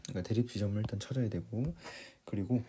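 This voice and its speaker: This fast-talking man has a fairly low voice, and heavy background noise surrounds him. He's giving a casual English reading lecture, addressing students plainly and often rephrasing or checking that they follow.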